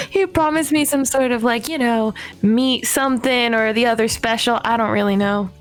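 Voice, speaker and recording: A woman with a fairly high voice plays her character in a tabletop game, chatting sweetly to another character. Faint music runs in the background. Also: sing-song, a little slow. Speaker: player.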